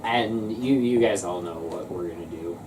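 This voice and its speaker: A woman's voice: a bass voice, moderate pace, crowd noise. A woman reviewing a film in casual comedic chat, sarcastic in tone. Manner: sarcastic, bursts into shrieking laughter. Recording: distant mic with noisy background.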